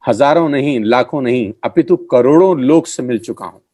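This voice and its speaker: Man, middle-aged, motivational sales pitch, emphatic and repetitive, dry close sound. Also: expressive, moderate pace, mellow, no room sound. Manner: emphatic, repeats key phrases. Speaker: network marketing trainer.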